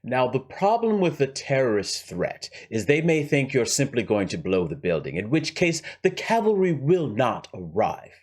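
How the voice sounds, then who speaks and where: A man's voice: medium pitch, very animated. A guy doing a theatrical heist villain, hammy fake german accent, whispers the key words, voice swings up and down. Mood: scheming. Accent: put-on German villain accent, admittedly poor. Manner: theatrical, dramatic pauses, hushed whispered emphasis. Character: scheming suave male villain planning a heist.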